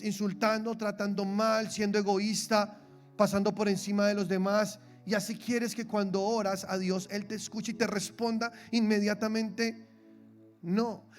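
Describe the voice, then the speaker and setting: Sermón de un hombre con acento colombiano, voz alta y aguda, tono vivo y cómico, con música tenue detrás. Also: male voice, sits high. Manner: lively, humorous, acts out quoted voices. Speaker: pastor. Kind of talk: sermon. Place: church.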